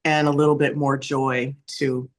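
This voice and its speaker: A man's voice: medium pitch, flat delivery, moderate pace. Male co-host; casual, brief, agreeable replies. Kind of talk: casual chat.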